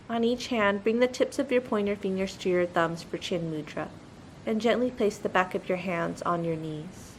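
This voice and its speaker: Soothing and gentle, a woman guides listeners through a meditation in a medium-pitched voice marked by noticeable creak. Beneath the recording runs a faint low rumble.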